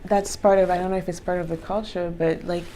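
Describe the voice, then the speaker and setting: A woman's voice: fairly low pitch, flat delivery, fast, mellow, a little hiss or hum. A woman hosting an interview, encouraging her guest and summing up what she has said, in a small office room. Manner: encouraging, sums up guest's points. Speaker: interviewer, show host. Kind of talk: casual interview chat.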